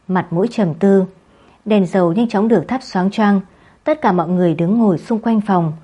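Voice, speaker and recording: Woman narrator, audiobook reading, steady measured delivery, mid-pitched voice. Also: husky.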